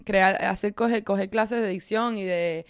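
A young Cuban woman living in Miami, a content creator, chats casually in Spanish with a Cuban-Miami accent, slipping English words into her sentences. Her medium-pitched voice is smooth and moves at a normal speed. The audio is studio quality with no room sound.

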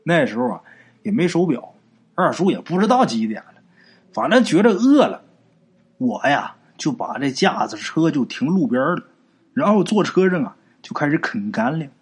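Male ghost-story teller, husky, lively pitch, chatty. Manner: colloquial, animated, drawn-out particles. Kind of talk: spoken folk ghost story narration.

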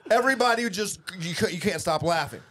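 A comedian joins a casual comedy podcast as a guest, his voice sitting high for a man. He tells stories in an animated way, leaning on "dude" throughout. The talk is loose and unscripted. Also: fast talker, faint music behind. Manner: animated storyteller, heavy on "dude".

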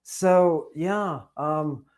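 A man with a fairly high voice talks through a podcast discussion. He is animated and peppers his points with fillers and rhetorical "right?" tags. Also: drawn-out words.

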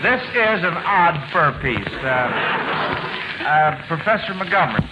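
On a crackly old radio broadcast full of steady, loud hiss, a quiz show host speaks slowly in a high-ish voice. He is chuckling, fumbling and schoolmasterly, and the audio sounds dull.

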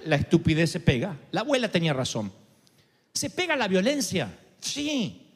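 A male pastor, preaching a sermon in an animated way and acting out quoted voices. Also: high voice, moderate pace, slightly rough. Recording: long hall reverb.

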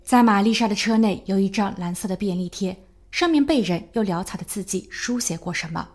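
A woman narrating a true crime podcast in a measured storytelling voice, building suspense as she goes. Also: mid-range voice, a little mellow. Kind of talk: scripted narration.

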